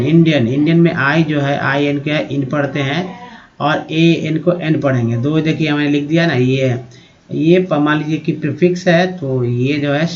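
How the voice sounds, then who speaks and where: A man teaching English pronunciation in Hindi, spelling out letters and repeating each word slowly while addressing his viewers as friends. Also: on the high side, muffled recording.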